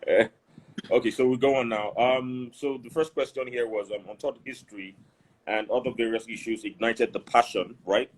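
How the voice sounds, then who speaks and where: A man hosting a live online interview show, greeting viewers with repeated, drawn-out phrases over a video call. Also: mid-range voice, fairly even intonation, rough recording. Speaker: host.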